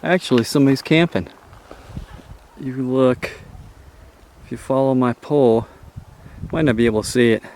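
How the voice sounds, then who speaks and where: A man's voice: mid-range voice, moderate pace, pauses often, darkish tone. Out-of-breath man hiking a mountain trail. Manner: casual, enthusiastic, plainspoken. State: out of breath from climbing. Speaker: hiker filming his trip. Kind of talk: casual vlog narration while hiking. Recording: noisy outdoor recording.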